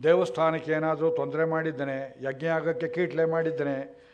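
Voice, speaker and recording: A man's voice: fairly high pitch, flat delivery, moderate pace, noisy background, lightly acted. A man voicing a grieving, outraged young prince, pleading and chanting verses with indignation, on a dull lo-fi recording.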